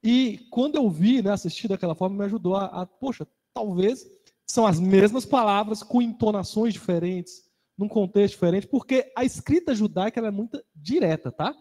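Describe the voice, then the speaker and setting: Brazilian man, high mellow voice, laid-back Bible class speaker, echoing hall. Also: moderate pace. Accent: Brazilian Portuguese. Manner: relaxed, conversational, personal anecdotes. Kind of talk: casual Bible class talk. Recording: reverberant hall.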